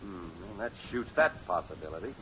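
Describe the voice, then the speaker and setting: A man's voice: deep voice, lively intonation, brisk, fairly bright tone. An actor playing a flustered middle-aged suburban father in a 1950s radio sitcom. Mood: worried. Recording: muffled, noisy old 1950s radio recording.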